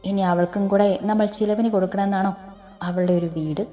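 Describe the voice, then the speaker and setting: A woman puts on a scheming young wife in an audio story, sharp-tongued and calculating. The voice is dark and even in pitch. Faint music underneath. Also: brisk, natural voice. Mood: spiteful.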